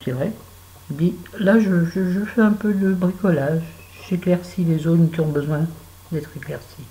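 A woman's voice: on the low side, normal speed, dark tone, rough recording. A middle-aged woman vlogging while she does her make-up, chatting and telling a story with exasperated asides. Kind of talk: casual chit-chat while doing make-up.

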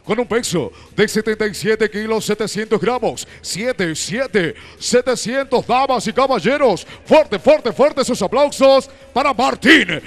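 Guy announcing a cage fight, high voice with a gravelly fry, long shouted names. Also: lively intonation. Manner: booming, drawn-out fighter introductions. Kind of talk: ring announcing.

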